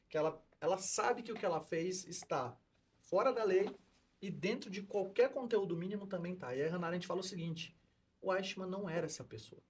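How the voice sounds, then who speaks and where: A man's voice: high-pitched, a little hiss or hum. A man co-hosting a podcast discussion, explaining political philosophy in a lecturing tone as a teacher. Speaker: co-host, law and philosophy teacher.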